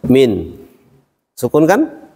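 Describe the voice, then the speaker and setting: A man's voice: medium pitch, wildly swooping pitch, extremely slow, gravelly, dark tone, soft background music. Male teacher in an echoing hall. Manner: questioning, explains step by step. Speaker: Quran recitation teacher. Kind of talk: classroom lesson. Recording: long reverb hall.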